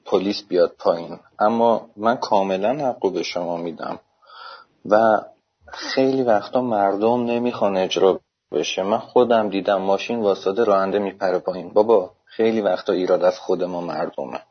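A man who is a lawyer and a guest on a talk show, speaking politely in a measured way. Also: low-pitched, slightly rough, lo-fi sound. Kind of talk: calm talk-show commentary.

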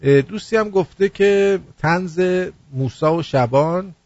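A man with a husky, slightly raised voice hosts a satirical show. He reads messages and rhyming verse with mocking humour. The sound is dull and dry. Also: on the high side, darkish tone, no room sound. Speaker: host.

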